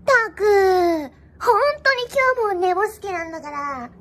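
A doting, scolding older schoolgirl senpai fusses over someone's sleepiness and stray rice, as a woman puts on the role. Her voice sits high and bright. Her manner is bossy but fond. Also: lively intonation, a little slow, full character voice.

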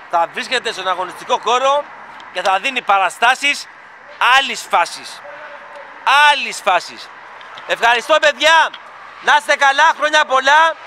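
Greek fan vlogger, high voice, eager chat, outdoor site noise behind. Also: male voice, pushed and bright. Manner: chatty, enthusiastic, addresses viewers as "guys". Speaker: fan vlogger filming a stadium construction site. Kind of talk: casual handheld vlog commentary. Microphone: camera mic, filming handheld.

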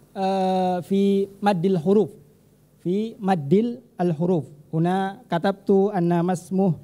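A man with an Indonesian accent, a teacher giving deliberate, hesitant spoken feedback on student speeches. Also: sits high, warm tone. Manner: deliberate and measured, with frequent hesitations. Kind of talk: formal critique read from notes, mixing Arabic and Indonesian.

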